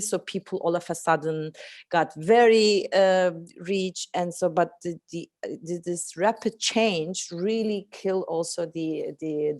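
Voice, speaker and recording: A woman's voice: fairly low pitch, a little mellow. A woman in her thirties from Turkey, an English speaker, presenting her art project with many fillers and restarts. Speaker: artist and photographer guest. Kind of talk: presentation talk.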